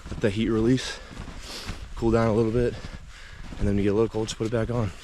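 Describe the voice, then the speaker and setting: A hiking vlogger films himself trudging through snow on a windy trail, talking casually to his camera in a lowish, flat voice at a fast pace. Wind and outdoor noise fill the background.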